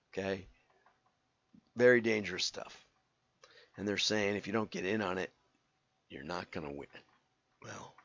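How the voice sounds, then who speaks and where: An older man who has partly lost his voice, hosting a casual talk in a hoarse, rambling, wry way. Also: fairly low pitch, a bit bright. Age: older, 60s or above. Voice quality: hoarse, gravelly. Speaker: host and direct marketing consultant. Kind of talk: casual solo show talk with commentary. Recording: roomy, slightly dull lo-fi sound.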